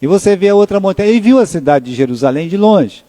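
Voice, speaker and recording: Brazilian pastor preaching, mellow voice. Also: male voice, sits high, lively intonation, fast talker. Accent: Brazilian Portuguese. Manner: conversational preaching, asks the congregation questions and answers them. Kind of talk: sermon. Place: church.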